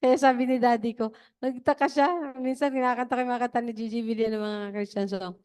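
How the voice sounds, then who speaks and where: Woman preacher telling a long rambly testimony at worship, smooth clear voice. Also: a little high, steady tone, fairly quick, a little mellow. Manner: digressive, chatty storytelling. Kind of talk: testimony during an online worship service.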